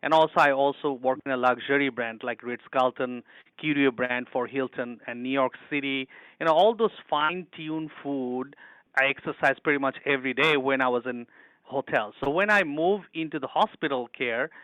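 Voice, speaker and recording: A middle-aged man from Bangladesh, an executive chef, answers interview questions earnestly, often restarting and using broken grammar. His voice is mid-range, and the audio is dull with no echo.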